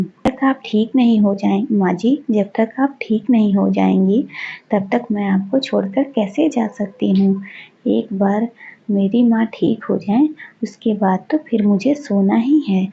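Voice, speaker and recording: A woman's voice: medium pitch, gravelly, husky. A woman voicing a devoted young daughter-in-law in a cartoon story, pleading and reassuring, in a dull lo-fi recording.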